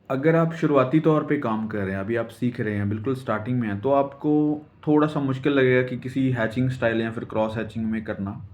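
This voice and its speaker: A man from India, speaking with a mild Punjabi-tinged accent, talks his students through a drawing lesson at an even, patient pace. His voice sits at an ordinary pitch for a man. The recording is slightly dull and lo-fi. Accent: Punjabi-tinged Hindi. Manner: calm, patient, explains while drawing, says "theek hai" often. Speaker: drawing teacher.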